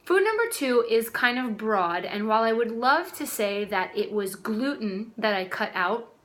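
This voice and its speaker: A health coach in her twenties talks casually and directly to viewers from her dining room, chatty and calling them "guys." Her voice is fairly high and fairly bright, expressive, at a normal speed.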